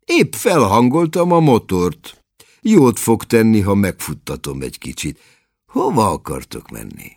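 A man's voice: on the low side, very animated, vocal fry, a little mellow, no echo, studio quality, exaggerated voice. Man doing a wry, engine-loving young man.

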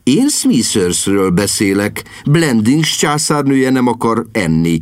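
A man's voice: medium pitch, sing-song, dry recording, clean studio sound, close to an everyday voice. A man reading an audiobook voices a vague, absent-minded elderly lord who grumbles peevishly. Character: vague, mild-mannered elderly lord, fond of pigs.

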